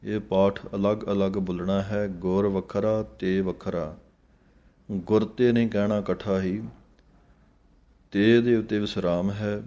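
A man teaching how to recite scripture, chanting each line slowly and then explaining how every word is pronounced. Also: lowish voice, steady tone, dark tone. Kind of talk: slow pronunciation lesson on scripture.

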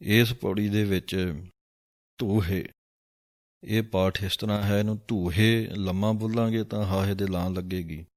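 A man teaching scripture recitation, chanting verses slowly and carefully, then explaining pronunciation. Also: on the low side, fairly even intonation, a little mellow, dry recording, studio quality. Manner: measured, deliberate, carefully enunciated. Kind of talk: slow chanted recitation with spoken pronunciation notes.

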